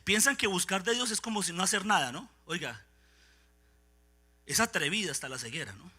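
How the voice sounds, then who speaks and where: In a church sanctuary, a man preaches a fiery Pentecostal sermon in a very high, sharp, bright voice that's also husky. Animated and brisk, he slips into quiet asides before rising into shouted preaching.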